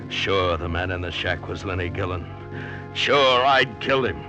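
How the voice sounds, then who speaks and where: Both narrator and lead character in a vintage radio drama, this man delivers his lines in a grim, weary first-person manner. His natural, low voice moves at a moderate pace over music in the old recording.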